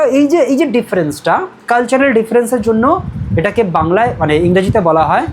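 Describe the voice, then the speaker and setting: A woman's voice: medium pitch, low-quality recording. Woman, Medinipur Bengali accent, classroom English teacher, patient step-by-step explainer, faint noise behind. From Medinipur, West Bengal. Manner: explains step by step, keeps checking in with students. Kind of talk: classroom lesson.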